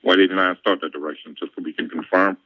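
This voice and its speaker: A low-voiced male dispatcher fires off brisk directions over the police radio at a quick clip. The sound is muffled and dull, like an archived radio recording. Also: steady tone, dry recording. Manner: brisk dispatch call-outs. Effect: police radio transmission.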